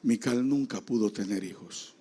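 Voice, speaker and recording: A man preaching a dramatic sermon as a pastor, acting out the voices in the story and rising now and then to a shout. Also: on the low side, moderate pace, breathy edge. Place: church.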